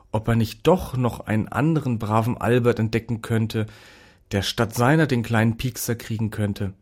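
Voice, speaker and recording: A man reading a children's story aloud in a lively, expressive way. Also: mid-range voice.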